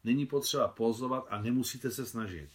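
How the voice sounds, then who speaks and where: A man's voice: medium pitch, natural voice. A man reading as a hearty older officer. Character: older male officer, kindly veteran photographer.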